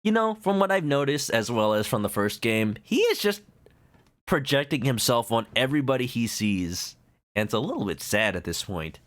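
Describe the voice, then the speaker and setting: A man's voice: medium pitch, normal speed. A man streaming a video game with casual, joking commentary, playful in manner, with game music behind. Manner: playful, animated.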